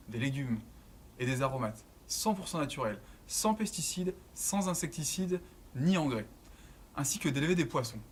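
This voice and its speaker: Earnest young man reading his pitch. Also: a little hiss or hum. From Lille area, northern France. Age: 20s. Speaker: entrepreneur presenting his project. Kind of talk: scripted pitch narration.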